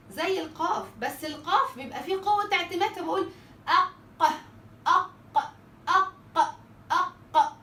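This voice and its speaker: A woman's voice: very high-pitched, a bit bright, roomy sound, recorded from a distance, a little hiss or hum. A woman with an Egyptian Arabic accent teaching how letters are pronounced in Quran recitation, asking questions and answering them herself. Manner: rhetorical questions answered herself, repeats sample sounds. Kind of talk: explaining tajweed letter articulation.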